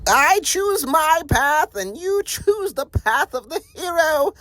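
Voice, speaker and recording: A man voicing a taunting, menacing supervillain goblin in a theatrical, drawn-out villain monologue. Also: expressive, sharp tone, no echo, heavily acted. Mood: sneering. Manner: theatrical, drawn-out taunting delivery with sudden pitch swoops. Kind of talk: villain monologue, amateur voice acting.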